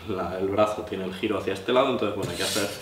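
Speaking quickly in a low voice, an Albacete knife sharpening instructor with a La Mancha Spanish accent demonstrates on a stone at an indoor table. His manner is practical and explanatory, as if thinking aloud while he works. The audio is roomy and distant, and the scrape of the blade on stone can be heard.

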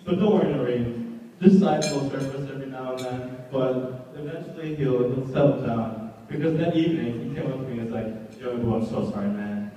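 A man's voice: medium pitch, fairly quick, mellow. A young man giving a joking best man speech at a wedding, telling stories and often restarting his words. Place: wedding reception hall. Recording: echoey hall from far off.

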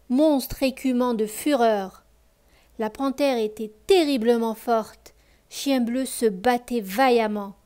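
A woman reading a children's picture book aloud, telling it expressively for young listeners and then softly asking them questions. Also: fairly high pitch. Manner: expressive, slow storytelling for children; soft, gentle address to the child listener. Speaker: children's storyteller.

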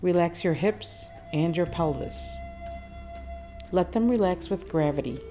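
The speaker is a female meditation guide whose low, calm voice moves deliberately from pause to pause. She sounds soothing and measured over music that is clearly heard.

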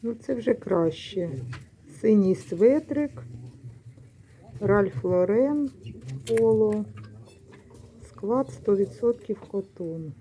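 A middle-aged woman talks slowly and patiently about secondhand clothes, vlog style. Her voice is mellow and relaxed. A faint hum sits behind her. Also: mid-range voice. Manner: unhurried, explanatory, with fillers and self-corrections. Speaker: vlogger reviewing secondhand clothes. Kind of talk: casual vlog commentary. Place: secondhand shop, indoors.

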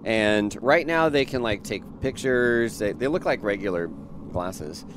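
A man's voice: on the low side, expressive, measured pace, noisy background. A young man from Florida chatting casually as a streamer, rambling and trailing off with fillers. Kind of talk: casual chat.

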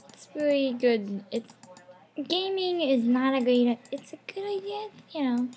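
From a webcam in her room at home, a young gaming channel host chats casually over gameplay, her voice fairly high and a little mellow. She is losing her voice and has a sore throat, so her rambling asides come out half-whispered.

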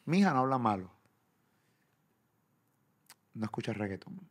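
A middle-aged man with a Puerto Rican accent, hosting a casual chat and telling stories in a lively, profane way. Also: mid-range voice, moderate pace. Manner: animated, profane storyteller who shouts out quoted people. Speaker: podcast host.

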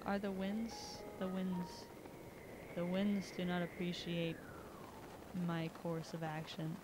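A woman's voice: on the low side, level tone, slow pace, noisy background. A woman from Canada chatting casually while streaming a video game, rambling and laughing often. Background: video game music.

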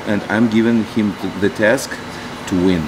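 Earnest low-voiced boxing coach. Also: male voice, steady tone, background noise. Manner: halting, searching for words, earnest. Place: open-air boxing gym.

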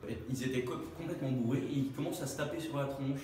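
A teenage boy in a school hallway, retelling a film haltingly into a phone held out to him. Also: medium pitch, dark tone, heavy reverb, a little hiss or hum. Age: teens. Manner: hesitant, stumbling retelling. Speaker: interviewed student. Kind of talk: vox pop film retelling. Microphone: phone held out by interviewer.

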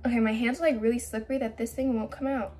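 A young woman talks through a home vlog in a high, chatty voice, rambling and often restarting mid-thought. She sounds a little anxious as she goes. Soft background music sits faintly under her camera-mic audio. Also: fairly even intonation, quick pace. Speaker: beauty vlogger. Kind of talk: casual vlog chat.

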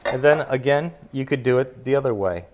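Speaking fairly quickly in a mid-range voice, this middle-aged woodworking channel host chats enthusiastically while showing off a tool indoors in his kitchen. He wears a lapel mic, but the highs are cut off and the background is noisy.

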